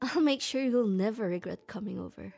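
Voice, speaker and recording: This young woman's mid-range voice is gravelly and darkish, and her pace is fairly quick. She performs a close-mic ASMR roleplay for the listener as a shy tomboy, gruff yet kind, who stammers and speaks with hesitation.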